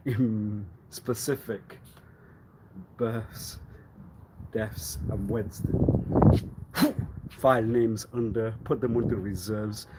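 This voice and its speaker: A man's voice: on the low side, noisy background. Man: rambling livestreamer, erratic volume. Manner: erratic, swinging between loud outbursts and muttering; frequent laughing and throat clearing. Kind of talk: rambling live stream monologue.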